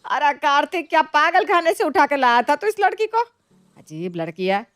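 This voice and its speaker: A woman voicing a sharp-tongued, scolding middle-aged mother-in-law in a voiced story drama. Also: high-pitched, sing-song, normal speed, dry recording. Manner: sarcastic, nagging.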